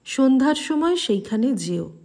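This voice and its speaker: A woman's voice: high voice, moderate pace, vocal fry, full character voice. A woman voicing a playful old holy man. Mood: urging. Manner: lively, affectionate, teasing. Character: playful older male holy man, teasing.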